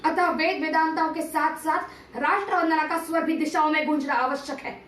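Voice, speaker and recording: An amateur woman performer with a high, fairly bright voice, even intonation and normal speed recites a TV serial monologue as oratory. She plays a stern, patriotic male teacher-statesman of ancient India, solemn and formal in diction, recorded roomily on a distant mic with faint background noise.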